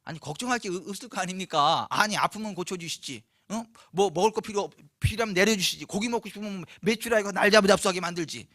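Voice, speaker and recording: A man's voice: high-pitched, fast, few pauses, a bit bright, no room sound, studio quality. A male pastor preaching a sermon at a church service, emphatic and full of rhetorical questions. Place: church, Friday night service.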